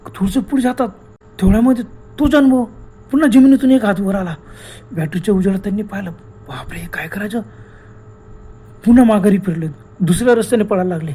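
A male storyteller narrating a horror tale with dramatic flair. His voice is dark and mellow. He punctuates the telling with sudden exclamations. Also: high-pitched, husky.

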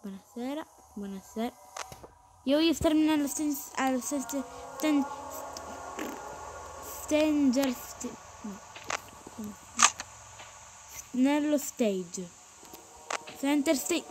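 High-voiced chatty woman gamer. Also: extremely slow, long pauses, background noise. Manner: excitable, chatty, talks to viewers and game characters. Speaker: gaming streamer. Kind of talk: playful gameplay commentary.

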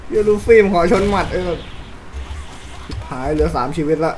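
A man giving loud, excitable gameplay commentary, swearing constantly and yelping as he plays. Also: fairly high pitch, moderate pace. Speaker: gaming YouTuber. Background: game music.

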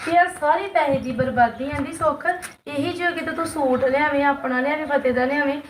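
A woman's voice: sits high, a little fast, noisy background, close to an everyday voice. A woman from Punjab playing an exasperated wife who complains and nags about money in a home-made short film. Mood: arguing. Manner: complaining, nagging, sarcastic.

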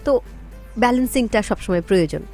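A woman guest in a radio studio interview, picking her words with care, with pauses and fillers. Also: mid-range voice, animated, dark tone, faint music behind. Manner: thoughtful, careful wording with many pauses and fillers.

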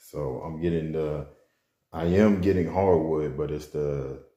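Over soft background music, a rumbling, dark-toned male voice takes its time. Indoors in his apartment bedroom, the young man shifts furniture while chatting for his vlog, a bit winded, relaxed and rambling with slang and false starts.

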